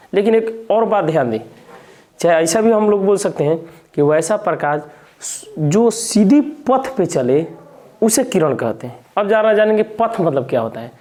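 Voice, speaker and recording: Mellow-voiced teacher quizzing himself aloud. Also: male voice, a little high. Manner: repetitive, asks and answers own questions. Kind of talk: classroom physics lesson.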